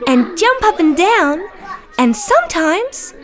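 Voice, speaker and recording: A woman voicing a cheerful young female dinosaur who gently presents to small children in a slow, sing-song, wonder-filled way. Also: very high-pitched, sing-song, full character voice. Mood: curious, enthusiastic. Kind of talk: children's show scripted narration.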